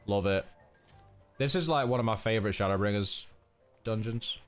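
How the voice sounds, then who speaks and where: A man's voice: lowish voice, normal speed, faint music behind. A man in his thirties with a nasal voice, chatting casually to viewers during a game stream. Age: 30s. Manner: rambling, chatty, talks to chat as mate. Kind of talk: casual live-stream chat.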